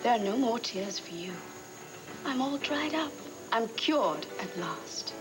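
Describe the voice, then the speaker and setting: A woman's voice: fairly high pitch, lively intonation, slow, music in the background. An actress playing a wounded, proud, defiant woman in a television soap opera, speaking with bitter, dramatic emphasis.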